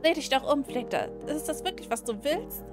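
A woman voicing a calm, cold female doll who sees herself as a queen, speaking in a low, measured, solemn way. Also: music in the background.

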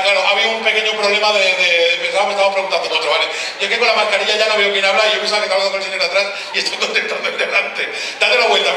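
A man's voice: high voice, background noise. A man doing live stand-up at a town festival, brashly teasing the crowd and swearing freely. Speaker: stand-up comedian. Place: outdoor town festival stage. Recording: echoey live stage sound from a distance.

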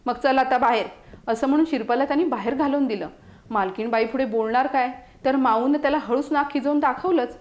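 A woman from Mumbai, India, reading a children's story aloud in a lively way and giving each character a voice. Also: high-pitched, a little fast. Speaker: storytelling contestant. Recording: roomy echo.

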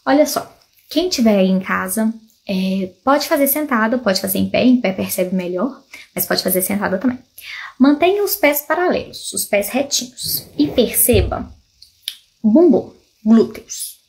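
A woman, a pelvic physiotherapist, explaining to viewers in a lively, demonstrative way, asking rhetorical questions, drawing everyday comparisons and using many diminutives while seated indoors. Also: medium pitch, measured pace, creaky. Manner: fond of diminutives. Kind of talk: explanatory health talk to viewers.

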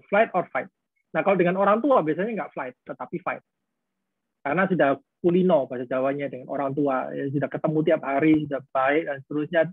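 Husky man on a tinny call. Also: a little high, no echo. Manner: explanatory, conversational, acts out quoted exchanges. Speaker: guest speaker on parenting. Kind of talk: webinar Q&A answer. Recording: tinny phone-like video call audio.

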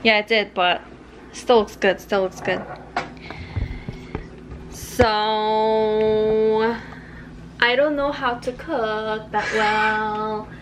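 Slow, relaxed young woman vlogging. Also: medium pitch. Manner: relaxed, giggly, mixes in Korean words. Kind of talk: casual vlog chat. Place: car, then small apartment kitchen. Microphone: handheld camera close to face. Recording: noisy handheld camera audio.

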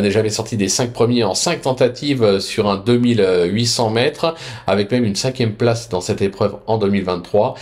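A man's voice: lowish voice, darkish tone. A man presenting his horse racing betting tips in a video, upbeat, with frequent hesitant fillers between phrases. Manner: upbeat promotional delivery of picks.

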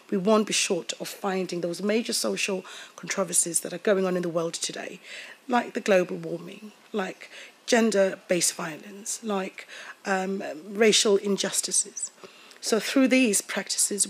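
A woman's voice: mid-range voice, husky, poor audio. A woman from Africa, giving a workshop talk in a seminar room at a desk mic, thoughtful with frequent fillers and repeated words. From South Africa. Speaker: workshop presenter. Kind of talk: academic talk. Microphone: desk microphone.

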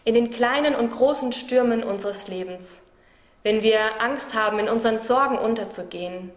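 A woman speaker from a church district giving a spoken devotional reflection in a calm, measured, reflective way. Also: on the high side. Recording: roomy echo.

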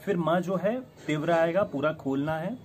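A man teaching a flute lesson online, friendly and encouraging, who sings the note names out slowly for students to follow. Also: on the high side.

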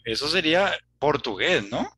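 A man's voice: a little high, big pitch swings, moderate pace, pushed and bright, breathy edge. A man with a Latin American Spanish accent teaching a Spanish class over a video call, explaining and often checking with "¿no?". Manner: tags sentences with "¿no?". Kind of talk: online class conversation.

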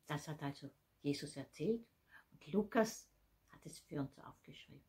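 A woman narrating a Bible story for children as a religious education storyteller, expressive and emphatic. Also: low-pitched, moderate pace.

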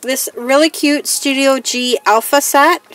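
With a slightly higher, somewhat bright voice, a woman who vlogs about crafting presents her haul in a relaxed show-and-tell. She chats unhurriedly and reads every piece aloud in a plain, enumerating fashion.

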